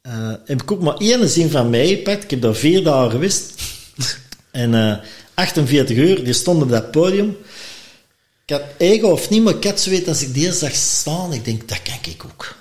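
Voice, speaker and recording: A man's voice: on the high side, normal speed. Flemish man telling his life story. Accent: Flemish (Antwerp). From Antwerp, Belgium. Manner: lively, acts out quoted voices. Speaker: podcast guest. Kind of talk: personal storytelling in conversation.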